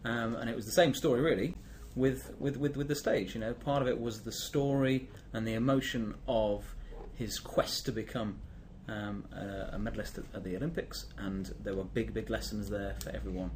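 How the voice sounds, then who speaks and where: A man co-hosting a business podcast in casual chat, measured and repeating words as he thinks. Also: on the low side, steady tone, darkish tone, slight background noise. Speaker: podcast co-host.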